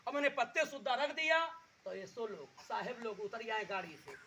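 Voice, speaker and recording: A man working as a street magician, calling out loud hawker-style patter to the people at an outdoor village show. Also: extremely high pitch, expressive, fairly quick, a little hiss or hum.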